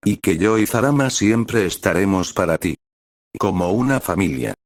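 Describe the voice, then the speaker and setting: A man voicing a young male guardian warrior, gentle and protective, with a soft, reassuring manner. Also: low voice, expressive, moderate pace, no room sound, clean studio sound.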